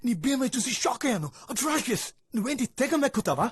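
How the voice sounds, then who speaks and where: A man's voice: very high voice, very animated, slightly rough, no echo, exaggerated voice. An actor playing a rude, teasing young man who mocks his date in Telugu-accented speech. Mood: mocking. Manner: mocking, sarcastic, fast-talking. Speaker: film character on a date.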